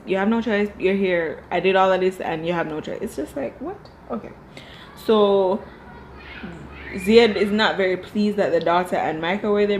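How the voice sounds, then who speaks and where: A young woman with a Jamaican accent, who grew up speaking Dutch, reviews a TV show in a blunt, chatty way, swearing often and wandering off on tangents. Her voice is fairly low with a darkish tone, and the poor recording carries slight background noise.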